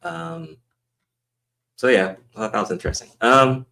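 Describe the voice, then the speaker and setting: A man's voice: medium pitch, animated, normal speed, vocal fry, sharp tone, slight background noise. A man hosting a live-stream panel in casual chat, laid-back and full of "um" fillers.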